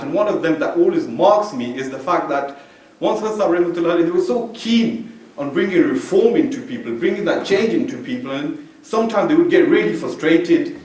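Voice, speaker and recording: A man from Belgium gives a conversational sermon in a mosque hall, padding his talk with "you know" as he goes. His voice sits on the high side. He stands back from a stand mic, so the sound is distant and swims in heavy room echo. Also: darkish tone. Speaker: religious speaker. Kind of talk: informal sermon.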